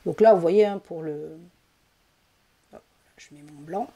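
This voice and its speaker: A woman's voice: on the low side, a little slow, gravelly, mellow. Chatty woman demonstrating coloring, hesitant. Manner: chatty, hesitant, many fillers and self-corrections. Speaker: coloring tutorial host. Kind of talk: casual step-by-step craft demonstration. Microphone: desk mic.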